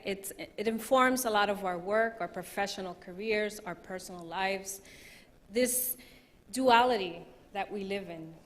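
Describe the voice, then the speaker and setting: Woman moderator in a reverberant hall. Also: medium pitch. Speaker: panel moderator. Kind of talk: moderating a panel.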